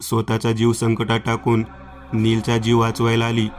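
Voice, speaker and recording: A man voicing a grieving, remorseful woman of seventy in a horror story, speaking slowly and sorrowfully. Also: mid-range voice, completely flat delivery, slight background noise, natural voice. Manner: slow, sorrowful, confessing.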